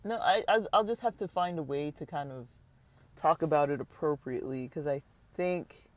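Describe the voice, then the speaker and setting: A man's voice: on the high side, moderate pace, no echo. A tired man rambling casually through a vlog update about his online store, with lots of fillers and restarts. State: tired, yawning. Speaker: online seller vlogger.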